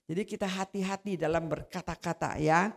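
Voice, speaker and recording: A woman preaching a sermon, telling a personal testimony in a conversational way that grows animated when she retells quarrels. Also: lowish voice, brisk, creaky.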